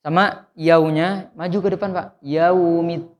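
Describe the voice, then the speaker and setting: A man teaching Quran recitation in a mosque, correcting students with jokes and demonstrating each verse slowly. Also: a little high, steady tone, muffled recording. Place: mosque hall. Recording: long hall reverb.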